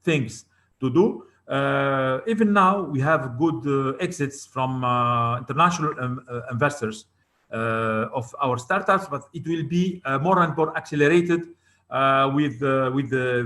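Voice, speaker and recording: A man's voice: a little high, bright, forceful tone. A man speaking as a webinar panel guest over a video call, hesitating and repeating words as he goes.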